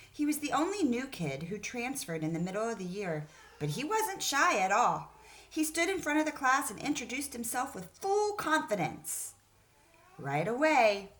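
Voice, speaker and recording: An elementary school teacher leads a read-aloud lesson, speaking to children in an encouraging, instructive way. Her voice is medium-pitched and a bit bright.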